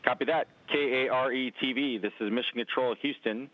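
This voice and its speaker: A man's voice: medium pitch, fairly even intonation. Man on a muffled space radio link. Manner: measured, procedural radio calls. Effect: space-to-ground radio transmission. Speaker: mission control radio operator.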